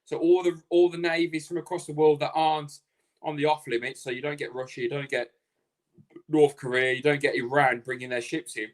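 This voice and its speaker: A man's voice: a little high, fairly quick. A man co-hosting a casual talk show, telling blunt stories full of swearing. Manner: blunt, sweary, animated storytelling. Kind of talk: casual podcast chat.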